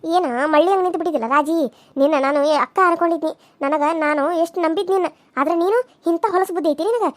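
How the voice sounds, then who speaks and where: A woman's voice: extremely high pitch, fast talker. A woman voicing a wronged, pregnant young village wife in a cartoon serial, crying and reproaching. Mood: tearful. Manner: wailing, sobbing reproaches.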